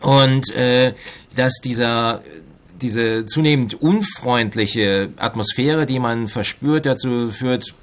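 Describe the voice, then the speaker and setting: A middle-aged man, an economics professor, giving careful analytical answers in an interview, pausing often to find his words. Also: medium pitch. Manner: measured, analytical, with frequent hesitations.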